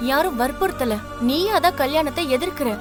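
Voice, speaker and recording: A woman's voice: high voice, fairly quick, natural voice. An actress playing a coaxing young woman. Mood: consoling. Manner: coaxing, scolding gently. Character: young woman consoling her cousin. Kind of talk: TV serial acting. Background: background score music.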